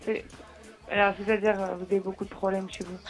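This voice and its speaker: A woman taking calls as a helpline operator over the phone, asking and answering in a hesitant, halting way. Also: medium pitch, little pitch movement, faint music behind. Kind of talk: phone conversation.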